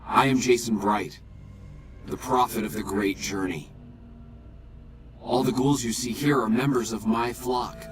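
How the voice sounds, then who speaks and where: An actor playing a serene, devout ghoul prophet in a video game, speaking in solemn, measured, formal phrases like a preacher. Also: male voice, mid-range voice, fairly even intonation, noisy background, close to an everyday voice. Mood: serene, welcoming. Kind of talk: video game character dialogue. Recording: game audio with music behind.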